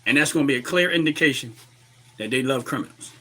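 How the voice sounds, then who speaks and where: A man with an American accent hosting a casual, opinionated livestream commentary while a little under the weather, clearing his throat and repeating phrases for emphasis. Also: medium pitch, lively intonation, fast, bright, forceful tone. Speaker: livestream host.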